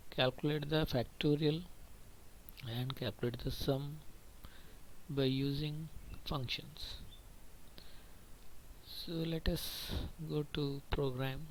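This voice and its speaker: A man's voice: fairly high pitch, a little hiss or hum, rough recording. A male computer teacher walks through a programming lesson, explaining patiently and repeating points, often checking in with "okay.". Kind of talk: screen-recorded programming lesson.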